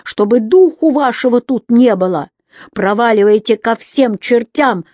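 A woman's voice: medium pitch, moderate pace, no room sound, studio quality, natural voice. A woman reading a storybook, voicing a fearless robber's wife who orders everyone out in a firm, commanding way. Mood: angry command.

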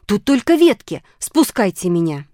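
A woman voicing a flustered, tearful female letter of the alphabet in a children's audiobook, talking loud and high. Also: moderate pace, no echo, studio quality, natural voice. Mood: shouting.

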